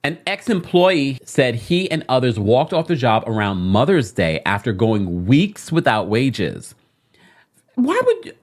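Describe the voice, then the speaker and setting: A woman's voice: extremely low pitch, sing-song, a little slow, hardly any pauses, darkish tone. A woman from London reading a news article aloud on a podcast, breaking off with indignant asides. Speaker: podcast co-host.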